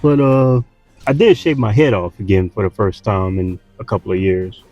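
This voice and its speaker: A man's voice: lowish voice, moderate pace, warm tone, muffled recording, soft background music. A man from Texas with a Southern accent, tired from little sleep, rambling casually with lots of fillers and restarts while playing a game. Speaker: gaming streamer.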